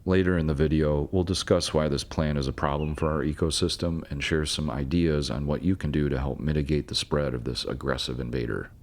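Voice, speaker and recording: Very deep-voiced man narrating plants. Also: fairly even intonation. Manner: measured, informative, dry asides about pronunciation. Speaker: nature video narrator. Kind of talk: scripted educational narration.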